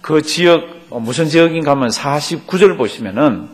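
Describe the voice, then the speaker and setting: Guy pastor teaching bible class, kinda high voice, bounces all over, quizzes the room. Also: normal speed. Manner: animated, acts out quotes and quizzes the class. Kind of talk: Bible study lecture. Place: church classroom.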